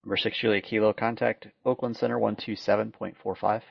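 A man gives air traffic control instructions in clipped, procedural phrases. His delivery is very even, with a gravelly fry in the voice. It comes over a dull, lo-fi radio. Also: on the low side, a little fast.

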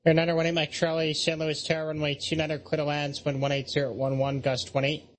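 Male air traffic controller, slightly high voice, flat procedural delivery. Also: fast talker.

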